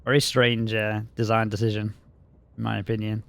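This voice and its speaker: A man's voice: fairly low pitch, completely flat delivery, normal speed, gravelly, smooth. A man streaming a video game, making dry, wry casual commentary.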